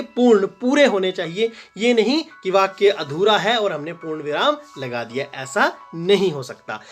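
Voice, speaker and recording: A high-voiced man teaches a grammar lesson, posing questions and answering them himself while repeating the example sentences with emphasis.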